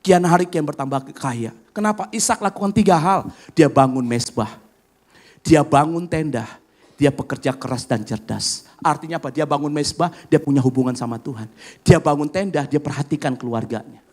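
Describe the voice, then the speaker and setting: A middle-aged man preaching a sermon as pastor, lively and acting out family conversations while addressing the congregation directly. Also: fairly high pitch, normal speed. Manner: animated preaching, acts out family dialogue, addresses congregation as "saudara".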